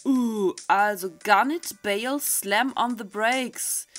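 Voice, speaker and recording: A middle-aged German woman speaks slowly in a fairly high, slightly bright voice while hosting a gaming video. She reads the game's text and chats openly and crudely, recording indoors at home on a close desk mic with game music underneath.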